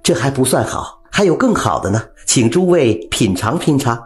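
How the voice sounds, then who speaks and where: A man voicing a clever, spirited young village wife who stays composed and sharp-tongued. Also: mid-range voice, very animated, moderate pace, natural voice.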